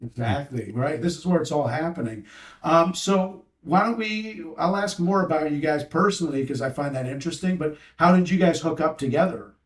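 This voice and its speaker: Cheery male host, slightly high voice, casual interview patter. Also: normal speed. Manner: upbeat, chatty, frequent fillers.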